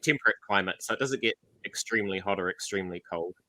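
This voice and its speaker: A man's voice: deep voice, fast talker, bright, forceful tone, no room sound. A middle-aged man with a New Zealand accent, hosting a casual livestream chat and joking often. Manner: joking, chatty. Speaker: livestream host.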